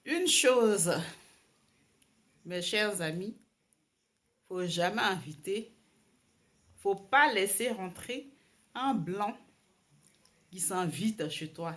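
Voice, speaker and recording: A woman's voice: mid-range voice, fairly bright tone. A young woman telling a story time to her viewers in a casual, wry, amused way, with many fillers and restarts. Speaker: vlogger.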